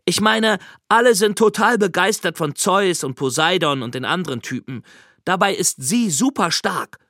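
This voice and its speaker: A man's voice: high-pitched, expressive, moderate pace, fairly bright tone, no room sound, studio quality, voice pushed up. A man doing a cheeky, babbling schoolboy. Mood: show-off. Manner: babbling, boastful. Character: cheeky chatty schoolboy show-off.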